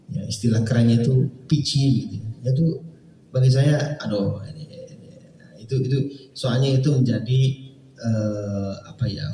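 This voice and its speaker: A man's voice: medium pitch, warm tone, a little hiss or hum. A male Quran recitation teacher giving casual feedback to students, chuckling often and leaning on filler phrases. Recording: echoey hall, distant mic.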